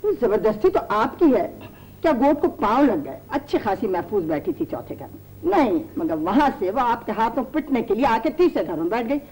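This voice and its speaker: An actress playing an anxious, genteel household matriarch who frets and bickers, in an old TV drama. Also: female voice, on the high side, big pitch swings, normal speed, a little mellow, poor audio. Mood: fretful. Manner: fretful and bickering. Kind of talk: 1980s TV drama acting. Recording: old TV drama audio, light noise.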